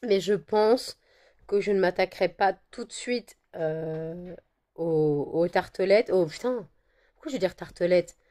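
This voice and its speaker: A woman with a cold talks loosely to her viewers, hoarse and croaky, with a low, mellow voice. She circles back over her words with plenty of fillers. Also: a little slow. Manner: rambling, many fillers and repeated words; coos at her dogs in a high sing-song. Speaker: vlogger selling handmade candles and wax melts. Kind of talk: casual chat to camera.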